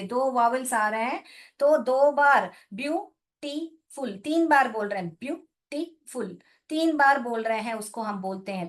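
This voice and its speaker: A woman teaching an English grammar lesson to schoolchildren, patiently repeating questions and calling them "beta". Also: a little high. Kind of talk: online class lesson.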